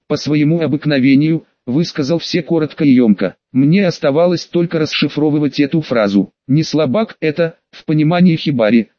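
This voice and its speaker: A man's voice: on the high side, no room sound. Man narrating an audiobook, dry dull sound. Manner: reads a first-person female narrator's story. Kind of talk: scripted narration.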